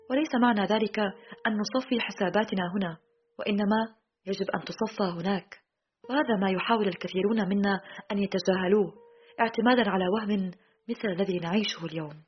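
Weary exiled man, brooding, hushed, woman reader, soft guitar, dull sound. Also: mid-range voice, close to an everyday voice. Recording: slightly muffled, soft guitar music behind.

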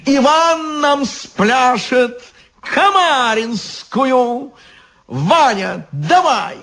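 A man voicing a fussy, elegant male devil who is capricious and bossy, shrill and wheedling, in an audiobook. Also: animated, very slow, a bit bright, heavily acted.

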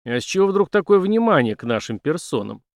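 A gruff male officer, as a man reads him in an audiobook, combative and sardonic. He pushes his questions hard and mockingly. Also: on the high side, lively intonation, a little fast, no echo, clean studio sound. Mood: gruff challenging.

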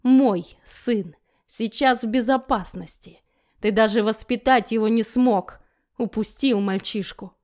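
A hysterical, unhinged villain spitting spite and threats, as a woman narrator puts him on. His voice sits fairly high in the reading and comes out slow and menacing. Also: fairly even intonation, darkish tone, close to an everyday voice. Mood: mocking. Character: unhinged vengeful man, hysterical villain brother.

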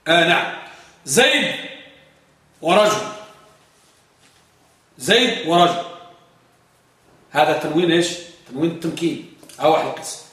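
A man teaching grammar to a class, asking students questions and slowly chanting examples and verse. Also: fairly high pitch, expressive, fairly bright tone. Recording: echoey classroom from far off.

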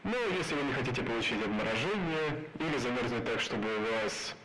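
A man doing a starship captain over distorted loudspeakers. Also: medium pitch, expressive, fairly quick, over music. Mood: announcing. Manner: formal announcer tone with dry jokes. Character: charismatic male starship captain giving announcements. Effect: distorted voice over ship loudspeakers. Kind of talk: audiobook narration with acted voices.

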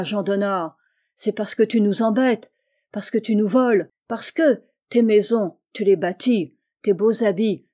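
A woman voicing a menacing, mutinous male fisherman who taunts slowly and shouts, in a story reading. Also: mid-range voice, close to an everyday voice.

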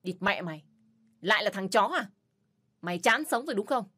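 A woman's voice: medium pitch, lively intonation, moderate pace, pushed and bright, slightly rough. A woman doing a fierce, foul-mouthed rescuer man. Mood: furious. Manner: furious, swearing threats.

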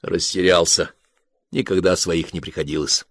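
A man reading a story and voicing a tense, worn-out enemy corporal with a muted, gruff delivery. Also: low-pitched, steady tone, moderate pace, no echo. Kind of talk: audiobook character voice.

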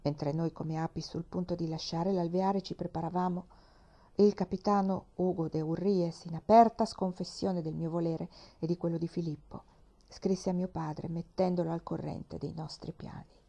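A woman narrating a historical novel in the first person, with expressive delivery. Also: lowish voice, moderate pace, gravelly, lo-fi sound. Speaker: reader. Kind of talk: dramatic reading of a novel.

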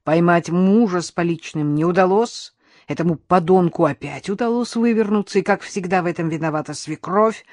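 Low-voiced woman reading an audiobook. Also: normal speed, a little mellow, no echo. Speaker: audiobook reader. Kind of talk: scripted narration.

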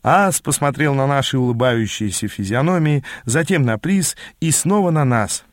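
A man reading a fantasy novel aloud as narrator, in an even storytelling delivery. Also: mid-range voice, moderate pace, no room sound, clean studio sound. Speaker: audiobook narrator.

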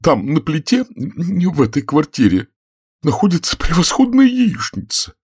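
A man voicing a fretful, hungry middle-aged woman in a pleading falsetto. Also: big pitch swings, measured pace, a little mellow, slightly rough, exaggerated voice.

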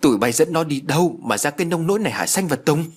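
A man voicing a shrill scolding older sister. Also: very animated, fairly quick, breathy edge. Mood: agitated. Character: sharp-tongued young woman, elder sister.

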